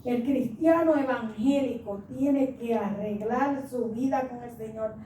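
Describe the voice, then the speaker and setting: A woman's voice: on the high side, a little slow, warm tone, echoey room, far from the mic, slight background noise, rough recording. A woman from the Dominican Republic with a Dominican accent, giving an emotional church testimony and often breaking into laughter and tears. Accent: Dominican Spanish.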